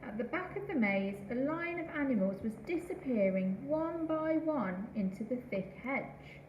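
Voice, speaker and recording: Woman reading a children's book aloud, slow and expressive, recorded in an echoey room. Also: high voice, dull audio, slight background noise. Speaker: storyteller. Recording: echoey room, faint ambience.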